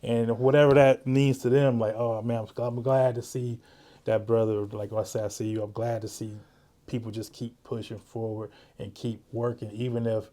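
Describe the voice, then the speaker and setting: A man hosting a podcast interview, talking in a relaxed, easygoing way and often saying "man" and "you know". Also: lowish voice, normal speed. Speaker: podcast host; works with juvenile youth. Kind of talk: casual interview chat.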